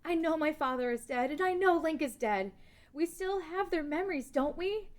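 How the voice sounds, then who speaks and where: A woman's voice: sits high, animated, moderate pace. A woman playing a grieving, defiant young princess in a fantasy table read. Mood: questioning, resolute. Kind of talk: table read of a fan-written audio drama.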